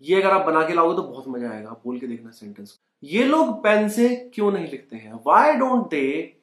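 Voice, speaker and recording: A man's voice: a little high, sing-song, fairly quick. A young Indian man teaching spoken English in Hindi, coaxing learners to repeat the sentences after him. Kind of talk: Hindi-English language lesson. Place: indoors at home. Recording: echoey room.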